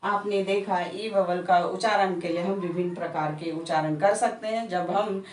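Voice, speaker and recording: A woman's voice: mid-range voice, fairly even intonation, moderate pace, recorded from a distance. A woman teaching a patient spoken lesson, drawing out each example word one by one. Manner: stretches out example words one by one. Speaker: English teacher. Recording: echoey room, voice a bit off-mic.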